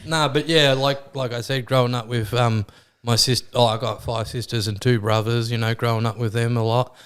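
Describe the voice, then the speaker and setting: A man's voice: mid-range voice, steady tone, moderate pace, a bit bright, clear, resonant tone. An Australian man in his forties chatting casually as an interview guest, joking and self-deprecating, his words a little slurred without his teeth in. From western Victoria, Australia. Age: 40s. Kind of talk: casual chat.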